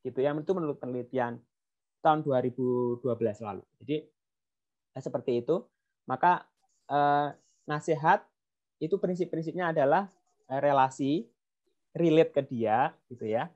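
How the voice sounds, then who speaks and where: A man's voice: mid-range voice, moderate pace, long pauses, darkish tone. A man speaking to parents in a webinar, telling anecdotes and acting out dialogue, with frequent fillers. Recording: dull lo-fi online audio.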